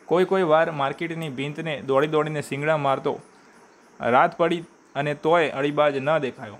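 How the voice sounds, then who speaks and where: Man reading a story aloud, fairly high voice. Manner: measured reading with occasional restarts. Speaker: narrator reading a short story.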